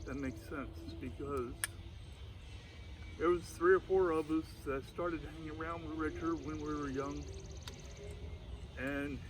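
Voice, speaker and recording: A man in his fifties giving an unscripted, emotional graveside tribute outdoors, halting as he goes. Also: a little high, steady tone. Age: 50s. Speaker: close friend of the deceased giving a eulogy. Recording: noisy outdoor recording.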